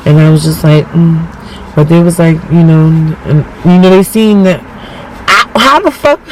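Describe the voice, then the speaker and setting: A high-pitched man tells personal stories in a casual, slangy way. He swears freely and acts out other people's lines with animation. Faint noise sits behind the voice. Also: moderate pace, poor audio. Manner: animated, profane, slangy, acts out quoted speech. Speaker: storyteller.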